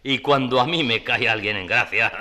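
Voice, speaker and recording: An actor playing a bossy male gang leader who barks orders and shouts everyone down, in 1970s radio drama acting. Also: on the low side, measured pace. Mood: gruff amused. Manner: barking orders, shouting others down.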